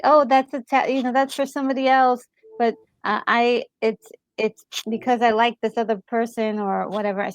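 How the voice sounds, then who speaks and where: A woman co-hosting a gaming show chats casually and reflectively while reviewing a game's story, hesitating and repeating words as she gathers her thoughts. She has a mid-range voice with no echo.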